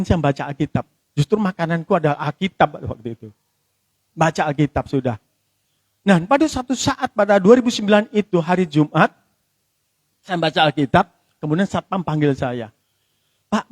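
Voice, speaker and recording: High-voiced man preaching a testimony. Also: no room sound. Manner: storytelling, often addresses listeners as "saudara". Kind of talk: sermon testimony. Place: church.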